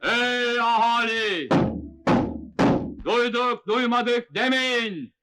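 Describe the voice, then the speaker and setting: A man playing a town crier in a period film, making a loud, drawn-out, formal public proclamation. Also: very high voice, over music, heavily acted. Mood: proclaiming.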